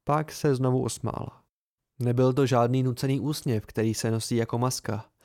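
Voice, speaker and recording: Smooth-voiced male audiobook narrator. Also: mid-range voice, fairly even intonation, darkish tone, no echo, clean studio sound. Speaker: audiobook reader.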